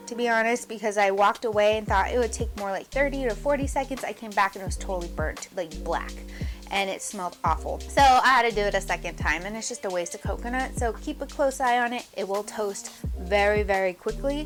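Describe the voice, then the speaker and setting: Upbeat woman chatting thru a recipe on her cooking show, kinda high voice, talks right to the viewers. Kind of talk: casual cooking demonstration.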